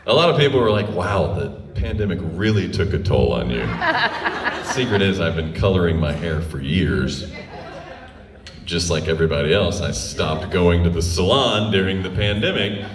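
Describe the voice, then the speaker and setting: On a live stage, a forty-year-old touring performer tells humorous stories in a low, animated voice at normal speed. His style is dry and self-deprecating, punctuated by his own laughter. Background noise is present, and the distant mic gives the sound a roomy feel.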